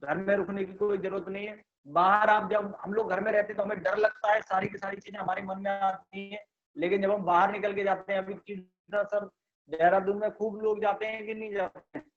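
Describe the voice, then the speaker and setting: A man with a high-sitting voice leads an online sales training session, speaking fairly quickly in a flat delivery. He explains things step by step, repeats points and asks listeners whether they understand, and the audio is dull.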